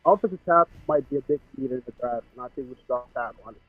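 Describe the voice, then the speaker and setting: A man calling in to chat casually about football, his voice muffled as if heard through a wall, talking haltingly with many fillers. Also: mid-range voice, husky, no room sound, soft background music. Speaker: caller. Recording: dull muffled phone call.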